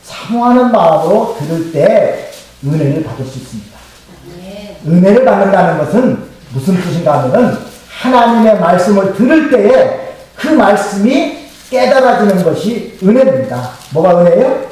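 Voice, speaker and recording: A man's voice: high voice, sing-song, normal speed, dark tone. A male pastor preaching a sermon who keeps asking the congregation questions and having them repeat the answers. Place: church sanctuary. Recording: very echoey hall, mic far off.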